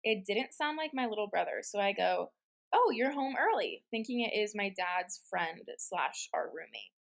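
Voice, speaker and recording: A woman's voice: mid-range voice, animated, moderate pace, vocal fry. A woman co-hosting a casual chat and reading scary stories aloud, with a giggly, conversational manner full of "like". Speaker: podcast co-host.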